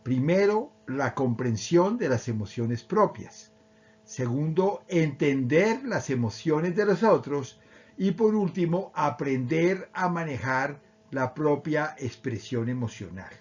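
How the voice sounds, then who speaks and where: A man with a Colombian accent, calmly explaining how emotions work with everyday examples. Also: fairly high pitch, slow, husky, dull audio. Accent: Colombian Spanish. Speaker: speaker on emotional education. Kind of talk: explanatory talk.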